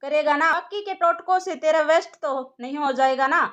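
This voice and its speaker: A woman's voice: sits high, moderate pace, a bit bright. A woman voicing an eager, shy young woman in love in an audio story. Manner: hesitant, sweet.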